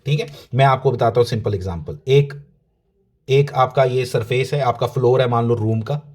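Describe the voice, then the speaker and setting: A man's voice: mid-range voice, moderate pace, a little mellow. A male physics teacher explaining a lesson to his students in a casual, direct way, mixing English terms into his speech, repeating key points and asking questions that he answers himself.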